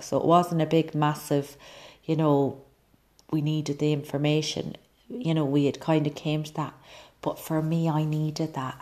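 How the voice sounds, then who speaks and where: A woman sharing a personal story about grief and signs, speaking softly and often dropping to a near-whisper, with many pauses and ums. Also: low voice.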